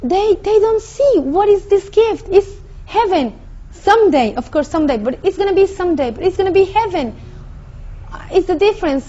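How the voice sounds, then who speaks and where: A woman from Mexico speaks English, her voice sitting high. She tells her own story earnestly, pausing to find the right words. The recording is dull and muffled. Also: warm tone. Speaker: convert sharing her story. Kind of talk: personal testimony. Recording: muffled lo-fi audio.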